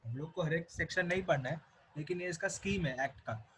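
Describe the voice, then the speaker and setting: A man's voice: a little high, fairly quick, fairly bright tone, a little hiss or hum, poor audio. A young man with an Indian accent explains a law to students in a recorded lecture and repeats key points often. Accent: Indian English. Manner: explanatory, repeats key points, mixes English terms into Hindi. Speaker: teacher.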